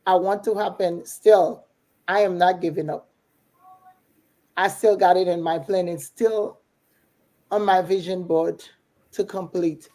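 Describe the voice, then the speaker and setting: A Haitian business coach and mentor, middle-aged and Haitian-accented, gives a casual, encouraging motivational chat. She speaks at a measured pace with frequent pauses, her fairly low voice mellow and fairly even in intonation.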